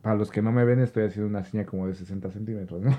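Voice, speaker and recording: A man's voice: on the low side, steady tone, rapid-fire, highs cut off. A young man with a Mexican Spanish accent, co-hosting a casual podcast chat. He jokes, laughs often and uses crude slang. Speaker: podcast co-host.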